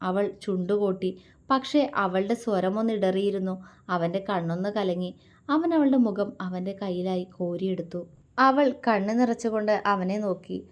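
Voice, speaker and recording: A woman storyteller reads a romantic story aloud in a soft, steady voice. Her pitch sits in the middle range and she keeps the narration calm between the dialogue. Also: normal speed.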